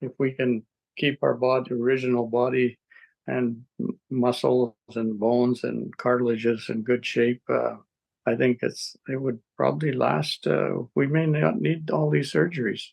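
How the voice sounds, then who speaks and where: A man in his seventies giving a rambling, halting interview testimonial, with frequent restarts and chuckles. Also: medium pitch, flat delivery, vocal fry, darkish tone, low-quality recording. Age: 70s. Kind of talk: casual interview answers.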